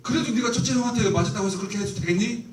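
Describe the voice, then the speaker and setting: A man's voice: high-pitched, very fast, a little hiss or hum, voice pushed up, natural voice. A man voicing a stern mother who sharply interrogates and judges her two sons, recorded from far off in a roomy hall. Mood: scolding.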